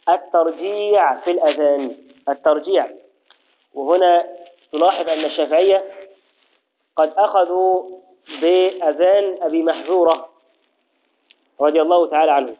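A man teaching a classroom lesson on Islamic law, repeating key phrases slowly and asking and answering his own questions. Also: fairly high pitch. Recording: tinny phone-like audio.

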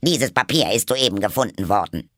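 A man's voice: lowish voice, expressive, fairly bright tone, dry recording, studio quality. A man voicing a nervous, deferential rabbit courtier who talks reverently and in a hurry. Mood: hurried. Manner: overly reverent, hurried.

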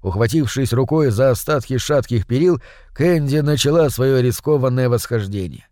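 A man narrating a fantasy audiobook in a steady, measured reading. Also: mid-range voice, dry recording, studio quality. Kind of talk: scripted narration.

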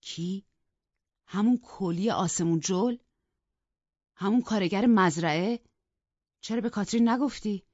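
A woman voicing a stiff, sulky gentleman husband in an audiobook, speaking curtly and grumbling. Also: lowish voice, animated, no room sound. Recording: dull, dry lo-fi studio audio.

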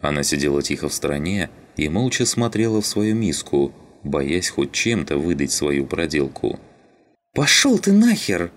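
Very deep-voiced male audiobook narrator. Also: normal speed, few pauses, a little hiss or hum.

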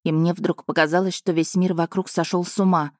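A woman narrating a first-person romance fantasy audiobook in an even, measured way. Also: fairly low pitch, dry recording, clean studio sound.

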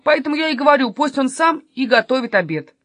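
A woman's voice: sits high, expressive, fast, fairly bright tone, no echo, pitched above the performer's own voice. A woman voicing a stubborn, grumbling male robber in a read-aloud storybook. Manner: grumbling, indignant.

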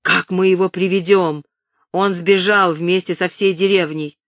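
A man's voice: high-pitched, steady tone, a little slow, no room sound, clean studio sound. A woman voicing a grim male castle guard who calls down bleakly from a window. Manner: shouting down, bleak.

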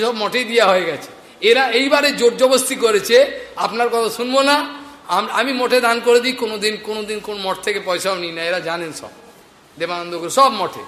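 High bright-voiced preacher, echoey hall. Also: male voice, a little hiss or hum. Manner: storytelling with laughs, retelling a conversation. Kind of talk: devotional sermon. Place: hall in a market. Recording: echoey hall with faint ambience.

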